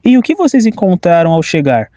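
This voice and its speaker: A man's voice: high voice, very animated, a little fast, dark tone, no room sound. A young man interviewing on a school podcast, reading questions carefully.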